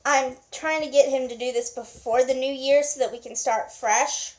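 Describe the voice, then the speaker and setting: A woman hosting a home video, briskly reading questions to her husband and steering his answers. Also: sits high, fairly even intonation, slight background noise. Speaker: vlog host interviewing her husband. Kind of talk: casual home interview. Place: home at night.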